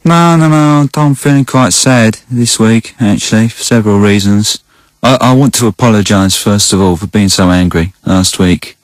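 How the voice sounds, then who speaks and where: Actor as low-voiced, glum male musician. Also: moderate pace, no echo, close to an everyday voice. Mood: glum, apologetic. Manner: downcast, earnest, hesitant. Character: moody, self-serious male pop musician. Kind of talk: comic in-character radio interview.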